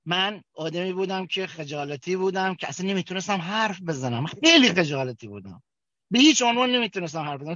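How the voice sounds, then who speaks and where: A man from Kerman with a Kermani accent tells his recovery story at a group meeting, halting often with fillers and restarts. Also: high voice, sharp tone, dry recording. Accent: Kermani Persian. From Kerman, Iran. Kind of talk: personal testimony at a recovery meeting. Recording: dull, dry recording.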